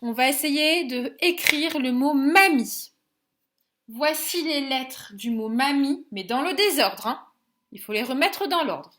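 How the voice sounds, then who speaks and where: High-pitched, slow French teacher. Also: female voice, lively intonation. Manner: slow, clearly sounds out each letter and syllable; gentle and encouraging toward children. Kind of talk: slow phonics lesson for young children.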